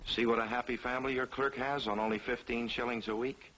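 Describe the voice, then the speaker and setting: An actor playing a solemn ghostly spirit guide in a 1940s television drama, speaking in a measured, declamatory way. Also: male voice, medium pitch, steady tone, noisy background, close to an everyday voice. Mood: solemn, showing. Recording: old 1940s TV soundtrack, loud music.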